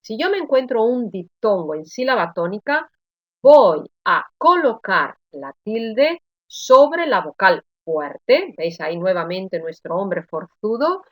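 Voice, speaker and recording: A woman giving an online grammar lesson, sounding out words slowly and explaining with frequent checks like "¿eh?". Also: medium pitch, very animated, dry recording. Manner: slow, careful word-by-word pronunciation drills; explanatory, addresses students with frequent "¿eh?". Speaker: Spanish teacher.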